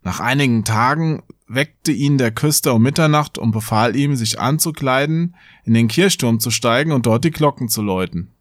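A man's voice: medium pitch, moderate pace, no echo, studio quality. A man hosting a podcast, reading a fairy tale aloud with playful asides. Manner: playful, self-interrupting. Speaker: podcast host.

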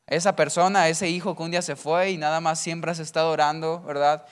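A man's voice: fairly high pitch, little pitch movement, brisk, clean tone. A man preaching a sermon full of humorous stories, chatty and always checking in with the listener. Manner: chatty, keeps asking ¿verdad?.

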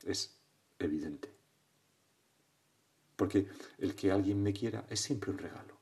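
A man, a priest leading a guided prayer meditation in a reflective, conversational way, often ending thoughts with a soft questioning tag. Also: sits low, a little slow.

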